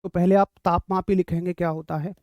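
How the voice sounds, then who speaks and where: A man's voice: high-pitched, flat delivery, fairly quick, dry recording, dull audio. A man teaching physics in a classroom lecture, explaining through a story and asking students to confirm they follow.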